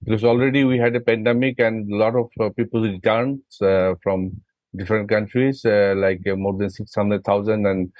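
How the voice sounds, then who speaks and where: A man's voice: lowish voice, flat delivery, normal speed, darkish tone, no echo, low-quality recording. Hesitant Bangladeshi man on a call. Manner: hesitant, many fillers. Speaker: migrant rights advocate. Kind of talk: online meeting remarks.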